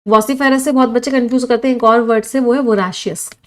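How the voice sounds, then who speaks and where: A woman's voice: on the high side, fairly even intonation, normal speed. A woman teaching English vocabulary for exams in a live online class, switching between Hindi and English and asking questions she answers herself. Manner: reads chat comments from live viewers. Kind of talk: live online exam-prep vocabulary lesson.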